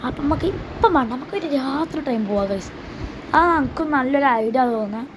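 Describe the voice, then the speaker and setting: High-voiced, expressive and brisk, a gaming-channel host talks her way through gameplay against a noisy background. She's chatty, uses slangy address toward viewers, and frequently repeats herself.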